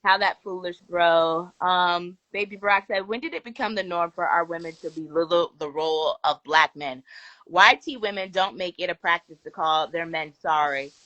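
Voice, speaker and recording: A woman hosts a casual live stream and reads viewer comments out loud. Her voice is bright and a little low, recorded dry and close, and she drops laughing asides between the comments. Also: moderate pace, dry recording, lo-fi sound. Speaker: host reading viewer comments.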